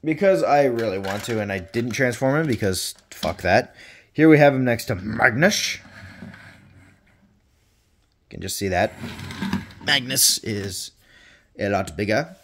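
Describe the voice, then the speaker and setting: A man's voice: medium pitch, animated, a little slow, pauses often, a little hiss or hum. Chatty man in an echoey room. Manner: chatty, rambling, with playful swearing. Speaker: toy reviewer. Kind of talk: casual toy review vlog. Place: indoor room with reverb.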